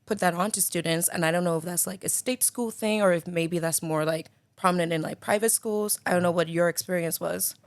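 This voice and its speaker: Bahamian woman, low and reflective. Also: fairly even intonation, brisk, few pauses, dry recording. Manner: reflective, filler-heavy speech full of "like". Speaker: podcast guest. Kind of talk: casual conversation. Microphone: studio mic with headphones.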